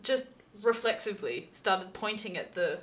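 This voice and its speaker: A woman's voice: mid-range voice, lively intonation, moderate pace, a little hiss or hum. A woman co-hosting a casual chat, telling stories and laughing often. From Scotland. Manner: chatty storyteller, laughs often. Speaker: co-host.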